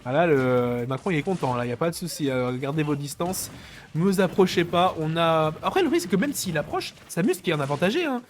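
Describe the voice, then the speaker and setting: A man's voice: fairly high pitch, sing-song, fast, few pauses. A man giving chatty colour analysis of a fighting-game final, with joking asides. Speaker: esports co-commentator. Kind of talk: live esports analysis. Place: esports venue. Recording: faint music underneath. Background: faint music behind the voice.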